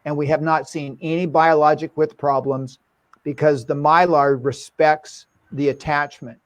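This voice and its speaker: A man teaching an online dental class with lively enthusiasm, putting questions to the audience again and again. His voice sits a little high for a man, and the sound is dry and close with no room around it. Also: dry recording. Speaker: dental lecturer. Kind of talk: online lecture.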